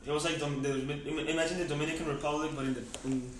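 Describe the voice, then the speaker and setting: A man's voice: a little high, flat delivery, quick pace, fairly bright tone, a little hiss or hum. A teenage boy from Venezuela answering interview questions in a casual, hesitant way, with many fillers and restarts. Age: teens. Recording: echoey room, mic at a distance.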